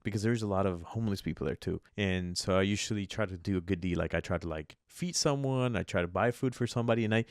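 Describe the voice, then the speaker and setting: A man's voice: low-pitched, fast talker, few pauses, no echo, studio quality. A man co-hosting a podcast, telling loose, rambling stories with casual swearing. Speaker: podcast co-host. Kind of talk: casual chat.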